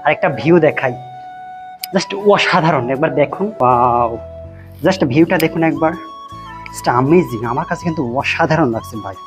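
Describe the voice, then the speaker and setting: A travel vlogger from Pabna, Bangladesh, talking with excitement while his voice echoes inside a tunnel under a railway line. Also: fairly high pitch, normal speed. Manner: enthusiastic, exclaiming. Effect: echoing inside a tunnel. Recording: dull lo-fi sound with faint music behind.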